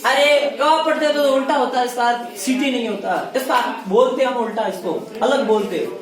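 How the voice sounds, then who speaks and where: A man's voice: very high-pitched, normal speed. A male teacher with a Rajasthani accent, patiently drilling his pupils with repeated questions during a classroom lesson. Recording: echoey classroom from far off. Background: pupils answering in chorus.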